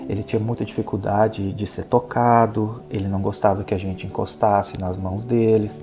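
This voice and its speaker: A man from Brazil with a Brazilian Portuguese accent, giving a spiritist lecture and telling a personal story in an earnest, reflective way, halting with many fillers. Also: on the low side, flat delivery, over music. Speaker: guest speaker at a spiritist center.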